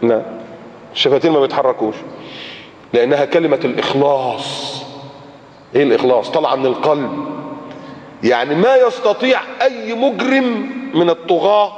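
An Egyptian-accented preacher delivers a colloquial religious lecture in a lecture hall or mosque in Qatar, sounding out letters and acting out his examples. His voice sits on the high side with a darkish tone, and he speaks fairly quickly and expressively but pauses often. The recording is lo-fi and dull, with the echo of a large hall.

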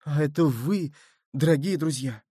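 A man's voice: on the high side, brisk, a little mellow, no echo, studio quality, pitched above the performer's own voice, close to an everyday voice. A man voicing an earnest young nobleman, pleading and emotional, his voice raised above his narrating tone. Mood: anxious.

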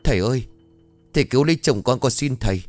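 Anxious, devout young woman in a spoken ghost story, earnest and pleading, lively tone, voiced by a male narrator. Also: low-pitched, brisk, faint music behind.

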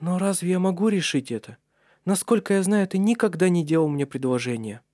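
A man's voice: high voice, lively intonation, fairly quick, warm tone, dry recording, clean studio sound, pitched above the performer's own voice. A man voicing an anxious, tender young woman in love, with trembling pleas, in an audiobook. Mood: pleading.

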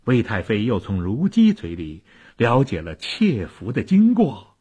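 A man telling a historical tale dramatically, swinging from loud declaiming to hushed low asides. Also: huge pitch swings, measured pace, husky. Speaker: storyteller.

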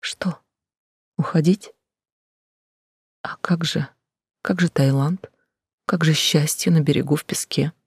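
A man's voice: a little high, fairly even intonation, slow, long pauses, husky, dry recording, studio quality, full character voice. A man voicing a heartbroken young woman. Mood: hurt desperate. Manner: raised, tearful, pleading voice.

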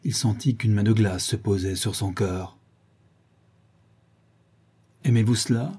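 Dark, husky male audiobook narrator. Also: lowish voice, level tone. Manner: measured, literary. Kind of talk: scripted narration.

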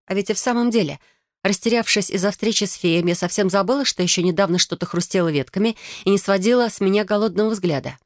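A woman narrating a first-person fantasy audiobook in an even, wry storytelling manner. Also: medium pitch, fast, no room sound, clean studio sound.

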